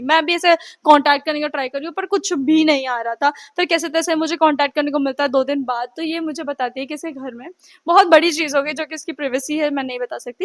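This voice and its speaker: Teen girl doing a storytime vlog, super high voice, dramatic and chatty. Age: teens. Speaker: vlogger.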